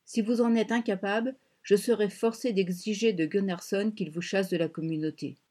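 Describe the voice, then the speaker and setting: A woman reading an audiobook voices a proud, domineering male strongman, curt and scornful, sometimes dropping to a breathless hush. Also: high-pitched, steady tone, normal speed. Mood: threatening.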